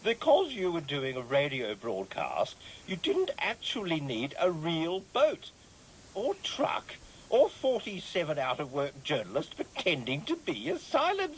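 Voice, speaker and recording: A man's voice: a little high, wildly swooping pitch, a little slow, slight background noise, heavily acted, poor audio. A man playing a prim, officious government inspector in a radio comedy sketch, prying and pompous. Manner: pompous, prying, sing-song emphasis.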